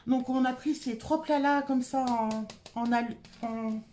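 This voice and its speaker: A woman's voice: high voice, fairly even intonation, measured pace, dark tone, a little hiss or hum. A woman chatting casually at home through a shopping haul, with lots of hesitations. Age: adult. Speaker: haul vlogger. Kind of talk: casual product haul chat.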